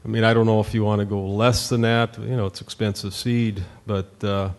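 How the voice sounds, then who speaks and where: Plainspoken farmer at a conference podium. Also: male voice, lowish voice, level tone, brisk. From North Dakota. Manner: plainspoken, rambling with many fillers and restarts. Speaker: farmer panelist. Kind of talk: conference panel talk. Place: conference meeting room at a podium.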